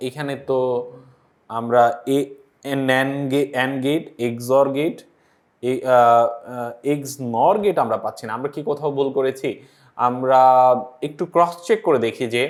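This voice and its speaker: A man with a Bangladeshi Bengali accent, a teacher solving exam questions step by step who keeps asking "right?" as he explains. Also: fairly high pitch. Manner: explains patiently, often asks the viewer "right?".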